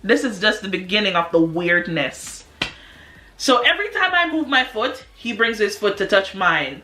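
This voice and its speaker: A young adult woman vlogger telling a story in an animated, casual way, peppered with "like". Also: mid-range voice, moderate pace, soft background music. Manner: animated, exclamatory storytelling with many "like"s. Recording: echoey room.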